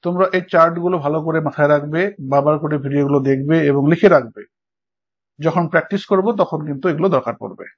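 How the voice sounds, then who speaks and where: High-voiced Bengali man tutoring. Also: fast talker. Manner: patient, checks understanding with frequent "okay?". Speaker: English literature tutor. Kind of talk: online lecture explaining verse meter. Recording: dull lo-fi recording.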